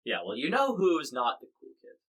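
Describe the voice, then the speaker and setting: A man's voice: on the high side, wildly swooping pitch, moderate pace, fairly bright tone, breathy edge, poor audio. An American man hosting a podcast, covering the news in casual, wry chat full of fillers and restarts. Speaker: podcast host.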